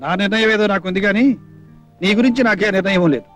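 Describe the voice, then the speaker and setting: Man as a stern young suitor, curt, measured, music playing under him. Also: high voice, natural voice. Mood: curt, firm. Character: stern aloof young man refusing a marriage.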